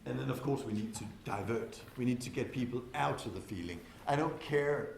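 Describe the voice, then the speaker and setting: A man giving a lively conference talk to an audience, who keeps asking them questions and swings from loud to soft on purpose. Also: medium pitch, a little fast, creaky. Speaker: conference speaker. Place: windowless conference hall. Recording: echoey hall with faint noise.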